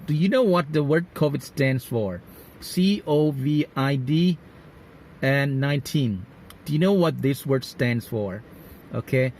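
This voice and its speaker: A man with a Thai accent teaching English pronunciation, saying words slowly and repeating them for learners to echo. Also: mid-range voice, slight background noise. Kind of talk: pronunciation lesson.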